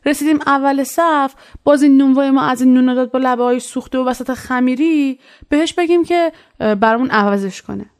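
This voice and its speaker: High-voiced woman telling a childhood story. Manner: conversational, animated when quoting. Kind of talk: casual spoken storytelling.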